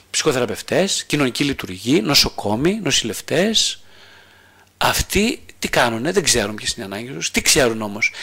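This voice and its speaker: A man's voice: a little high, vocal fry, fairly bright tone. A male psychotherapist giving an explanatory talk on psychology, stopping to ask his own rhetorical questions and answer them, with some hesitant restarts. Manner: hesitant restarts with drawn-out fillers.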